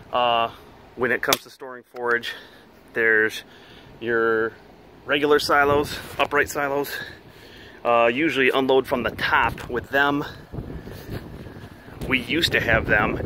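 Farmer guy explaining stuff casually outside, plain spoken, bright forceful voice, bit of background noise. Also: mid-range voice. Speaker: farmer giving a tour. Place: outdoors in a farmyard beside silos, partly inside a steel silo. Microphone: handheld camera or phone. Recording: noisy outdoor handheld camera audio.

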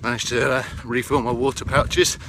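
A British man in his thirties giving a casual video diary outdoors, talking loudly over the wind into a handheld phone while on the move. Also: medium pitch, fairly even intonation, normal speed. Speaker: ultra runner vlogging a race. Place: outdoors on open coastal path. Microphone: phone at arm's length.

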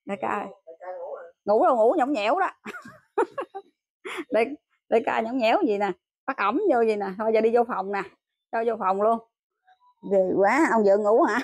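A woman with a Southern Vietnamese accent, a vlogger mother chatting casually to her viewers as she rides a motorbike on a dark country road at night. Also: fairly high pitch, moderate pace, pauses often, no echo. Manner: chatty, keeps addressing viewers as family. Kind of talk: casual vlog narration to viewers. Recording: noisy outdoor road recording.

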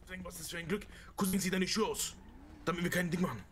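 A man's voice: sits high, fairly even intonation, quick pace. A man improvising game role-play over voice chat, whining and complaining. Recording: noisy, distant-sounding game voice chat.

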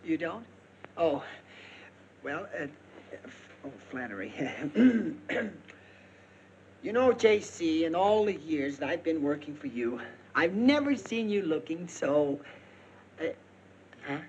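An actor playing a flustered, bumbling young husband and clerk who stammers and gets nervous easily, in 1940s film acting. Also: male voice, on the high side, sing-song, slow pace, long pauses, muffled recording, a little hiss or hum.

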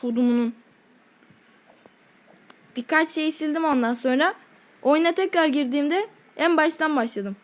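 A woman's voice: high voice, a little slow, pauses often. A woman hosting a gaming channel, giving gameplay commentary in a heated manner and swearing at the enemies as she plays.

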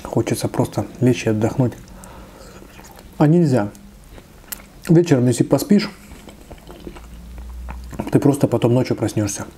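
A man's voice: medium pitch, expressive, a little slow, long pauses, mellow, slight background noise. A man in his thirties doing a casual mukbang, chatting between bites with his mouth full. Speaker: mukbang eating-show host. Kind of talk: casual mukbang chat while eating. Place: small indoor room, seated at a table.

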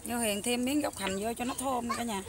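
A young woman with a Southern Vietnamese Mekong Delta accent, chatting loudly and eagerly to viewers while she cooks in a rural hut kitchen. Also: on the high side, normal speed. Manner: loud, chatty, enthusiastic, talks over noisy kids. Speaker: cooking vlogger. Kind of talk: casual cooking vlog chat.

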